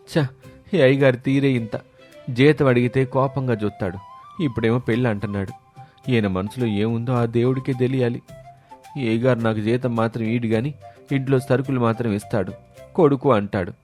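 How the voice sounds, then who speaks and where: Here a man gives voice to a lowly servant in an animated morality tale, muttering with confusion but never losing respect for his master. His pitch is medium and his delivery close to everyday speech.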